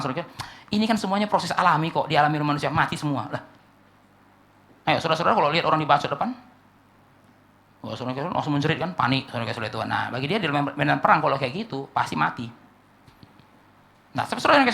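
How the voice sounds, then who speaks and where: A male pastor delivering a sermon, swinging between loud emphatic lines and quiet asides, acting out short dialogues in a lowered voice. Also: gravelly. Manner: preaching with sweeping pitch swings, drops to quiet asides. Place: church hall.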